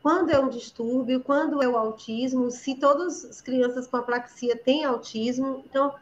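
A woman's voice: sits high, fairly even intonation, moderate pace, slight background noise. A woman hosting a live interview, chatty and asking long rambling questions, recorded with dull lo-fi live-stream audio.

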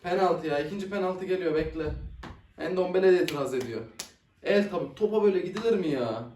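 Young male reaction host, high voice, excitable, echoey room, somewhat off-mic. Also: fast, recorded from a distance, slight background noise. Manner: excitable, swears and groans at missed chances. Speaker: football reaction video host. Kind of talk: casual live match reaction.

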